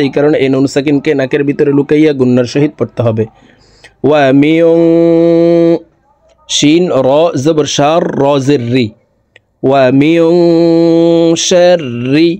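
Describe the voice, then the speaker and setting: A man's voice: a little high, warm tone, dry recording. Man teaching Quran recitation. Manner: slow drawn-out melodic recitation alternating with brisk explanation. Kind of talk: spelling out and reciting Quran verses for learners.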